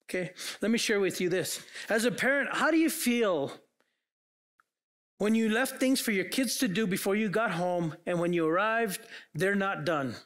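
High-voiced earnest male preacher. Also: normal speed, fairly bright tone. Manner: earnest preaching with many rhetorical questions. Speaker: pastor. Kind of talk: sermon. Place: church.

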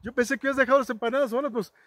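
A woman's voice: high-pitched, fairly even intonation, very fast, fairly bright tone, no echo, pitched above the performer's own voice. A man voicing his flustered middle-aged sister, giving her fussy, startled exclamations in a raised voice.

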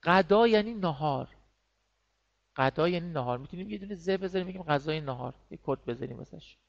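A man's voice: a little high, gravelly. A man teaching a class, explaining words patiently and repeating them, with many fillers. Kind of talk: online class lesson. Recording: dull lo-fi sound.

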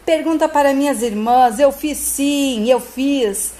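Woman reading a jealous wife, manic, shouting and pleading, soap opera retelling, highish voice. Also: slow pace. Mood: frantic.

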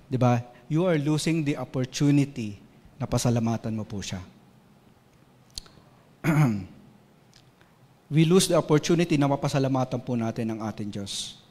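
A man's voice: medium pitch, animated, normal speed, pauses often, dark tone. A Filipino man preaching a sermon in a church, telling a personal story with earnest, sometimes emotional feeling. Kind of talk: sermon mixing Tagalog and English. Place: church hall. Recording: long hall reverb.

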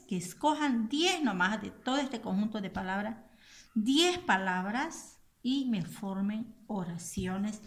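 A woman teacher, giving a recorded lesson to children and slowly repeating and spelling out each word. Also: fairly high pitch, a bit bright. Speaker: school teacher.

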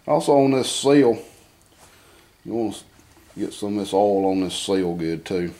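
A man's voice: lowish voice, animated, unhurried, mellow. A man casually explaining an engine job as he works, thinking aloud and muttering to himself in a dim workshop. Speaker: home mechanic. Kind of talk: casual how-to demonstration.

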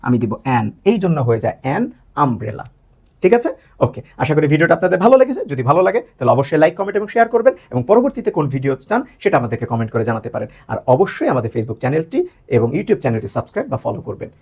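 A man's voice: fairly high pitch, very animated, darkish tone. A man with a Bangladeshi accent teaching a grammar lesson, quizzing viewers with questions and answering them himself. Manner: drawn-out stressed example words. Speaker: English teacher.

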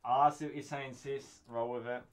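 A man's voice: medium pitch, moderate pace, natural voice. A man playing a patient youth counsellor. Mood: calm. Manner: calm, patient, with frequent ums.

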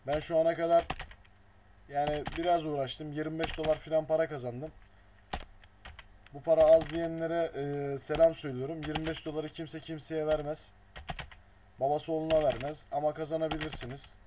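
A man's voice: a little high, flat delivery, normal speed, dark tone. A man giving a casual screen-recording tutorial, muttering along as he clicks and dropping blunt offhand jokes. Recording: noisy home recording with keyboard clicks. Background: keyboard and mouse clicks.

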